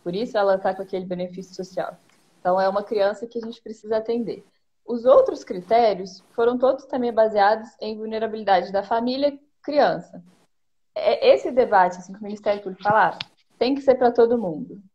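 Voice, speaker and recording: A woman with a Brazilian accent, a policy consultant calmly explaining her points one by one in a live-streamed conversation. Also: mid-range voice, fairly quick. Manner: methodical, lays out points one by one. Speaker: education policy consultant, guest. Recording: dull lo-fi stream audio.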